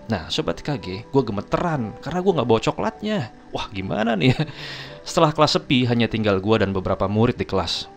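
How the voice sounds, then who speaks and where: A man telling a casual first-person story to his viewers, chatty and chuckling often. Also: on the low side. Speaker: storytelling vlogger.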